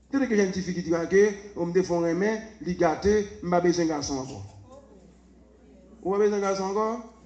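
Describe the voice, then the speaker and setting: A man preaching a sermon, swinging from low murmurs to shouts. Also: reverberant, muffled recording.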